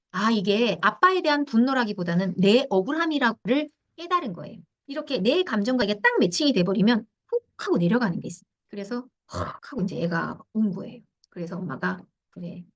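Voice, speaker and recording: A woman giving a lecture on parenting, telling stories in an animated way and asking her listeners questions. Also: mid-range voice. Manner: animated storytelling, acts out quotes and asks the audience questions. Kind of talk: lecture on emotional intelligence.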